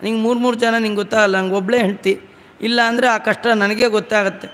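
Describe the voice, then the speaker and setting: A man voicing a weary gentle god, high and plaintive. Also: steady tone, fast. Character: weary, gentle male god recounting his troubles. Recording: long hall reverb.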